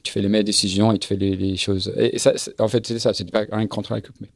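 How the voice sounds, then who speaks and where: Low gravelly middle-aged man, halting. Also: level tone, no room sound. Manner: halting, searches for words, repeats himself often. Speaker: guest, sailing event business founder. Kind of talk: casual interview.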